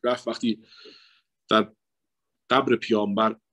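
Speaking as a guest at a religious mourning night, a man with a lowish voice blends sermon with psychology, his address animated and emotional as he moves from loud emphasis to quiet asides.

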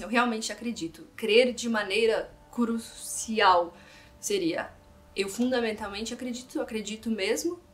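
A woman's voice: on the high side, fairly bright tone. A woman teaching a casual language lesson, explaining song lyrics and thinking aloud as she goes. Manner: chatty, thinks aloud, switches between reading French lines and explaining.

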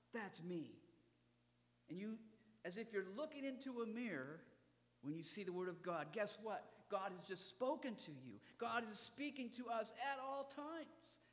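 A man preaching a sermon as pastor, swinging from loud cries to hushed whispers and asking the congregation direct questions. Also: sits high, big-room sound. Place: church sanctuary.

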